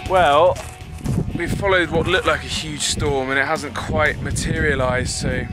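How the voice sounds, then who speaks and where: A man's voice: a little high, steady tone, unhurried. A man presenting a storm-chasing video diary on location, speaking off the cuff and reacting as he goes. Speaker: presenter reporting on a storm chase. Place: outdoors by the road and inside a car. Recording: loud music, outdoor and car noise, distant mic.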